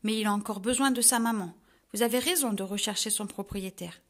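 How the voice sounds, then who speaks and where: A woman reading a children's storybook, voicing a calm, kindly vet in a matter-of-fact tone. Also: mid-range voice, brisk, natural voice.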